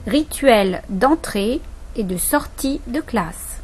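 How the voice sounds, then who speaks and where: A woman narrating an instructional recording in a formal, measured way. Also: a little high, lively intonation, soft background music. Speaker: narrator of teaching audio. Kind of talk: scripted narration.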